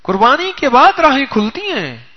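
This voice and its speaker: A male preacher telling a story in a sermon, speaking straight to his listeners. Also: extremely high pitch. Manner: animated, addresses listeners directly. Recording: dull lo-fi recording.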